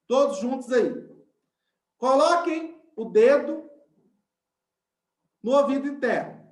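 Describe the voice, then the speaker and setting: A man's voice: extremely high pitch, roomy sound. A male science teacher, giving an online class and explaining step by step while often checking in with his students.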